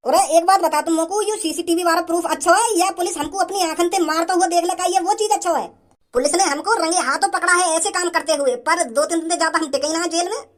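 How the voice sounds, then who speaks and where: A boastful village thug swaggers through a cartoon, as a woman puts him on. He stammers, chuckles and brags, and the voice sits very high for a man. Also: brisk. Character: boastful rustic male village thug, grinning. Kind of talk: cartoon voice acting.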